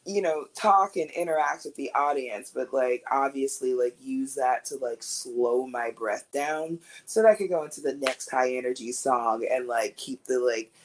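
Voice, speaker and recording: A woman, a guest recording artist, telling animated stories in a casual interview and laughing often. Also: very deep voice, moderate pace, hardly any pauses, slight background noise.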